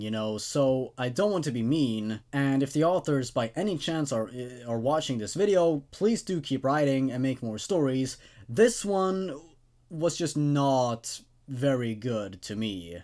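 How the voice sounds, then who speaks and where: A man with a mid-range, slightly mellow voice hosts a show where he reads and reviews horror stories. He speaks emphatically, moving between dramatic narration and casual commentary.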